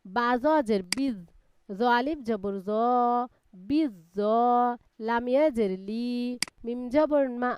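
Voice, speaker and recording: A woman's voice: fairly high pitch, takes it slowly, long pauses, slight background noise. A woman teaching a live Quran reading class, spelling out letters one by one and patiently explaining the reading rules.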